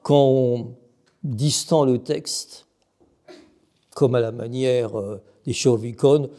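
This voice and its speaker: A man's voice: mid-range voice, steady tone, slow, mellow. A middle-aged man, a monk, giving an emphatic talk on Byzantine chant, sometimes chanting short examples and putting questions to his listeners. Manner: asks the audience questions. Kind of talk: explanatory talk with sung examples.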